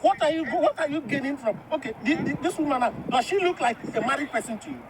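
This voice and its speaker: A man's voice: very high-pitched, animated, quick pace, a crowd in the background. A man playing a scolding husband. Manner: lecturing, reproachful. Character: stern husband scolding his wife.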